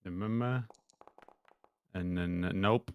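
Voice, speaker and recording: A man's voice: low-pitched, takes it slowly, clean tone. A man from Canada playing a tabletop game, laid-back and a bit apologetic. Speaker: player. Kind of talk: casual tabletop banter.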